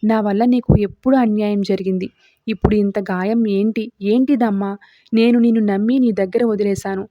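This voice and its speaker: A woman's voice: mid-range voice, steady tone, a little fast, slight background noise, natural voice. A woman voicing an anxious young mother who hides a secret son, read plainly in a serial recap. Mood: distraught. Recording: dull dry lo-fi recording.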